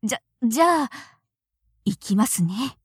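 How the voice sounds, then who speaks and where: A high, lively voice, slow and hesitant, rising and falling a lot as a woman plays a naive, easily flustered young woman in an audio drama. She stays polite and stammers over her words, and the voice sounds close and dry. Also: breathy edge, dry recording, heavily acted.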